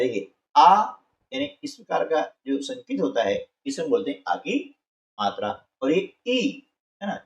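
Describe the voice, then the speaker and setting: A male teacher explains a workbook exercise slowly, repeating each word and checking in with the class. His voice rides fairly high and lively. It sounds distant and muffled, caught in an echoey room. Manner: slow, patient, repeats words and asks "है ना". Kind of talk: Hindi workbook lesson for schoolchildren.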